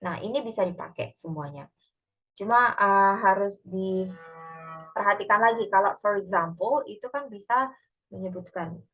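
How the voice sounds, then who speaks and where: An Indonesian-accented woman teaching an online class in an easygoing, conversational way. She moves freely between two languages as she explains, and her voice sits at an ordinary middle pitch. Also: a little slow, breathy edge, faint music behind, poor audio. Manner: code-switches between Indonesian and English, relaxed and chatty. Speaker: English lecturer. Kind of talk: recorded online lecture.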